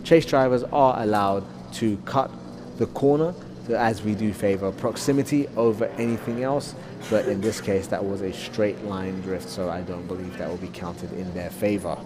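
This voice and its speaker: Lowish-voiced male motorsport commentator. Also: moderate pace. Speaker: commentator and drift driver. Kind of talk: live motorsport play-by-play commentary with casual chat. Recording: clear outdoor vehicle noise. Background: cars and outdoor ambience.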